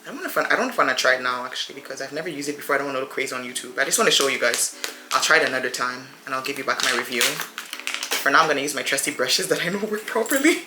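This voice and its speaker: A woman's voice: rumbling low, expressive, rapid-fire, noisy background. A woman in her thirties chatting as a beauty vlogger while doing her makeup, rambling and addressing viewers as friends. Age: 30s. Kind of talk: get-ready-with-me casual chat. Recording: roomy echo with faint music behind.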